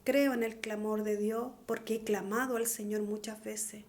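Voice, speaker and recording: A woman's voice: medium pitch, fairly even intonation, normal speed, a little mellow. A middle-aged woman giving an earnest, pleading testimonial sermon. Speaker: preacher.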